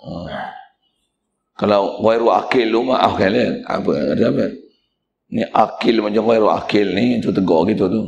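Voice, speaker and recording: A man's voice: lowish voice, normal speed, gravelly, darkish tone, echoey room, dull audio, a little hiss or hum. A male religious teacher, giving a mosque lecture in a blunt, teasing way and speaking straight to the congregation.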